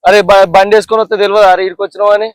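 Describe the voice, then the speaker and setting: A man's voice: high voice, flat delivery, racing, rough recording. A young man, acting in a village comedy sketch, reassuring his friend. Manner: reassuring, brushing off worry. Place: outdoors in a village.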